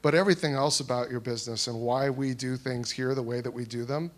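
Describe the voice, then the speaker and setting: A man's voice: medium pitch, fairly even intonation, fast. Man coaching a conference workshop. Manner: encouraging, asks pointed questions. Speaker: workshop facilitator. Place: conference hall with audience.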